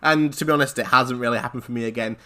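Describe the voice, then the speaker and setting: A man, a gaming channel host, telling a story-time vlog in an animated, rambling way with repeated phrases. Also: mid-range voice, racing.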